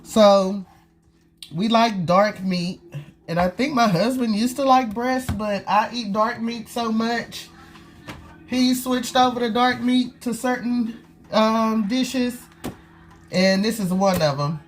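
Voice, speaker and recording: A cooking vlog host, stuffy and nasal from a cold, chats casually to viewers while cooking in her home kitchen. Her voice is fairly high, steady and slow, with soft music playing behind her.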